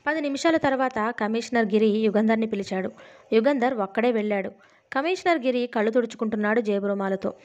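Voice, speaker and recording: A woman's voice: fairly high pitch, brisk, highs cut off. A woman reading a detective novel aloud, steadily, in a storybook manner. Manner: steady storybook reading, dialogue read with little change of voice.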